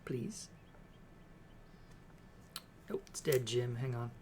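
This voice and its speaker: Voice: mid-range voice, normal speed, a little hiss or hum. A streamer chatting casually while reading a game aloud.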